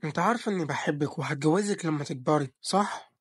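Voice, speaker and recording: Brief: man playing jealous egyptian husband, gruff and teasing, quick and high-ish, for an audio novel. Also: dry recording, studio quality. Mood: stern. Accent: Egyptian Arabic. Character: bossy jealous young husband.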